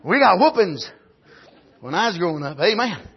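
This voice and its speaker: A man's voice: sits high, very animated, normal speed, breathy edge. A middle-aged man with an Appalachian accent preaching in a folksy storytelling style, repeating and restarting phrases for emphasis. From rural United States, grew up on a farm. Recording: dull, lo-fi sermon recording.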